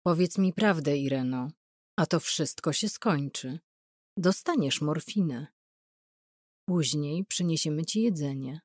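A woman's voice: deep voice, expressive, unhurried, a little mellow, no echo, studio quality. Cold, coaxing male interrogator, read by a woman. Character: male German interrogator, coldly persuasive. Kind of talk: audiobook character reading.

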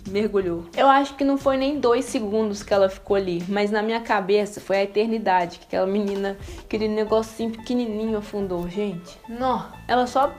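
A young Brazilian woman telling a vlog audience about mishaps with her baby, lively and expressive. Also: medium pitch, a little fast, few pauses. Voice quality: lively, uses diminutives and exclamations. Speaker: vlogger. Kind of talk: casual storytelling to camera.

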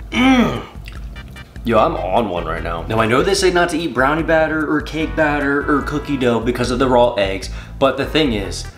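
A young man vlogging while he cooks in his home kitchen, joking, swearing and talking to his viewers. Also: medium pitch. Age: young adult. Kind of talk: casual cooking vlog. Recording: echoey kitchen with background music.

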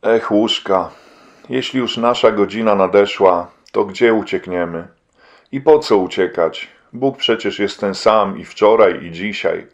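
A man's voice: fairly low pitch, unhurried, muffled recording. A man voicing a solemn, resigned preacher. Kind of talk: audiobook character reading.

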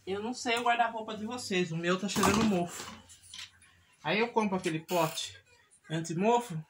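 A middle-aged Brazilian mother who vlogs from home chats casually while doing chores, her lowish voice rambling and repeating itself, often ending on a tag that checks in with the listener. She's indoors in a small room, with clear household noise and handling clicks on the recording.

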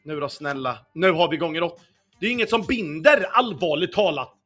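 Slightly high and fairly bright, this young man's voice carries a casual casino-game stream. He keeps up with his viewers' chat as he plays, curses frequently and hums to the faint music behind him.

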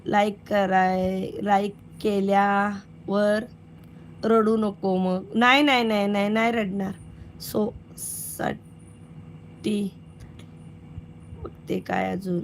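A woman's voice: medium pitch, steady tone, slow, slight background noise. A woman hosting a casual live stream, playfully greeting viewers by name and thanking them for their support.

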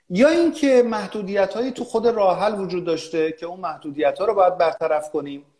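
High-voiced man explaining in an echoey room. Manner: lecturing, frequent hesitation fillers. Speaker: business analysis expert guest. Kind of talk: explanatory interview answer.

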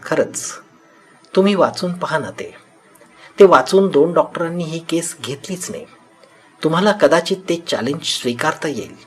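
A man narrating a story in a calm, measured way. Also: on the high side.

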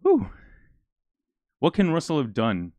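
A young man giving live, excitable commentary on a fighting game match, out of breath and stumbling over his words. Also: on the high side, takes it slowly, no echo. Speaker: esports commentator.

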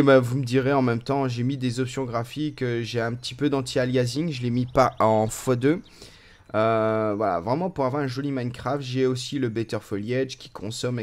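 A man hosting a let's play, giving casual, playful gameplay commentary with lots of fillers and lively swings in pitch and loudness.

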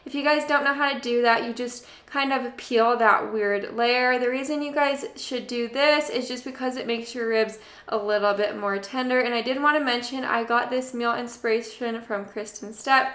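Young woman, cooking vlog voice-over, higher pitch, crisp bright tone, roomy echo. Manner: chatty, relaxed, addresses viewers as "you guys". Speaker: cooking channel host. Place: home kitchen.

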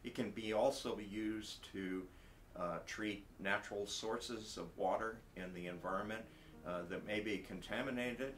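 A man in his sixties, a research professor, explaining his project to camera in a halting way with many filler pauses, recorded in an office. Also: fairly low pitch, a bit bright. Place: indoor office. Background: faint music.

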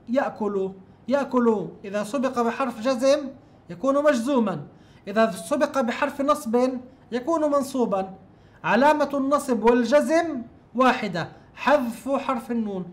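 A male teacher giving a recorded grammar lesson. He speaks slowly and deliberately, repeats example sentences and thinks aloud as he explains. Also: extremely high pitch.

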